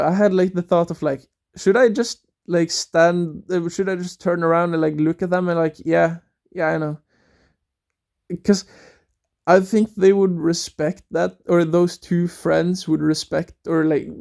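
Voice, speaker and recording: A man's voice: on the high side, creaky, a little mellow. A young man telling a rambling, casual story, hesitant and full of fillers and restarts. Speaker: vlogger.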